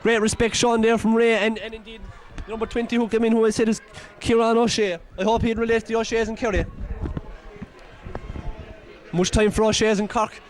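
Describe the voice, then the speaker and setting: Irish male match commentator, very high voice, partisan and excitable, shouting, voice worn from yelling. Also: brisk. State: nearly losing his voice. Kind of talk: partisan live sports commentary.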